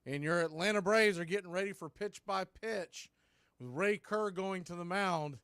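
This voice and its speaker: A man hosting play-by-play for a fan radio stream calls a baseball game, his fairly high voice smooth, resonant and a bit bright on a close, dry mic with no echo. At a moderate pace, he shifts between pitch calls and casual, opinionated asides in a conversational fan-commentary style.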